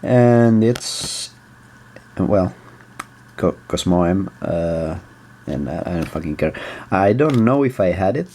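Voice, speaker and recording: A man with a Spanish accent hosts a casual, rambling vlog, his voice pitched low. He hesitates often, fills pauses with ums and uhs, restarts his sentences, and swears offhandedly. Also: animated, dark tone, a little hiss or hum. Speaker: video host.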